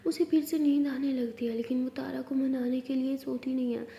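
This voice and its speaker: A woman narrating a love story and voicing its characters, with steady, expressive storytelling. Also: high voice, moderate pace, gravelly. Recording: echoey room with long reverb.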